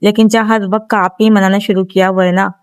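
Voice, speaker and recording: A woman's voice: mid-range voice, flat delivery, clear, resonant tone, no room sound. Earnest woman giving advice, Pakistani accent. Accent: Pakistani Urdu. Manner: earnest, instructive, speaks directly to wives. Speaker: relationship advice vlogger. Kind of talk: advice talk to camera.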